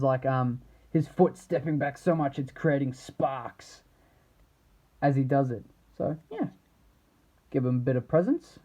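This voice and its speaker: Rambling, higher-pitched man reviewing action figures. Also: highs cut off. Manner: rambling, halting, trailing off mid-thought. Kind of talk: casual unscripted product showcase.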